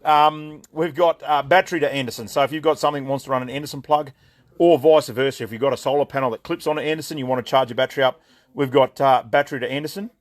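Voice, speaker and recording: A man's voice: medium pitch, steady tone, fast. Chatty Australian man hosting a live stream. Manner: chatty, greets viewers by name, rambling with fillers and jokes. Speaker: gun shop owner hosting a live stream. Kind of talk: casual live-stream product chat.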